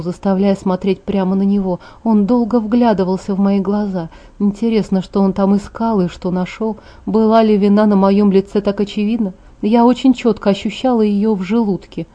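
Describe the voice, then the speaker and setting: A woman reads a first-person audiobook in a quiet, intimate way. Her voice is warm and mellow, at a middle pitch. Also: muffled recording. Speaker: audiobook narrator.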